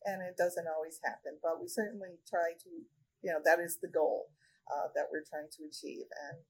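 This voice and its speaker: A woman who directs a regional office of a state agency, answering interview questions in a measured way with many fillers. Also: on the low side, steady tone, low-quality recording. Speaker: regional director of a state human rights agency, podcast guest.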